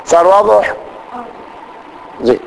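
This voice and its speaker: A man teaching grammar to a class, reciting lists of pronouns slowly and often checking that students follow. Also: sits high, animated, creaky, low-quality recording. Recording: faint background noise.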